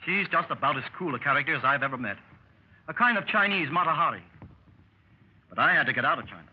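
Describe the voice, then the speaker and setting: In 1930s radio style, an actor plays a dashing lieutenant adventurer jauntily recounting his escapade with old-fashioned exclamations. His voice is on the high side, animated and fast, with a breathy edge. The recording is muffled, as 1930s radio was, with music in the background.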